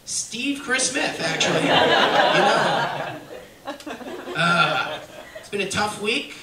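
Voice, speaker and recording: A man's voice: high voice, big pitch swings, slow pace. A man doing a stand-up comedy set on a music hall stage, with a brash, punchy delivery and frequent check-ins with the crowd. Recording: echoey venue, distant, loud crowd noise.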